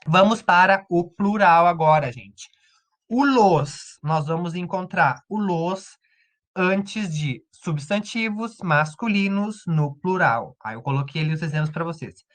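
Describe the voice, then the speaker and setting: A man's voice: sits high, animated, unhurried, fairly bright tone. Man, Brazilian Portuguese accent, Spanish teacher, online class, patient, explanatory, keeps checking in with students. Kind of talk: online grammar lesson.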